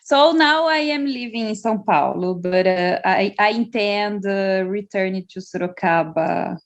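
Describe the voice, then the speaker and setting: A woman's voice: medium pitch, measured pace. Hesitant woman, native Portuguese speaker. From Brazil. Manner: hesitant, searching for words. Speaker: participant. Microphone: video call. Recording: dull lo-fi call audio.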